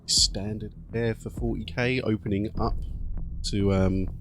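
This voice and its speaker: A man's voice: fairly low pitch, fairly even intonation, measured pace, a bit bright, slight background noise. A British man hosting a gaming channel, giving casual, slangy reaction commentary in an informal way. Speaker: YouTube gaming channel host.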